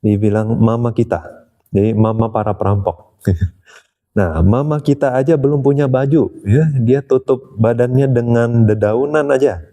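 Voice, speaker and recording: A man's voice: mid-range voice, moderate pace, mellow. A man retelling a religious tale in a casual, chatty way, often tagging his sentences and chuckling.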